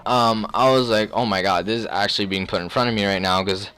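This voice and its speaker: A man's voice: on the low side, steady tone, fast, bright, forceful tone. Young man in casual, slangy storytelling mode. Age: young adult. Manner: rambling, slangy, frequent throat clearing. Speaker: video creator.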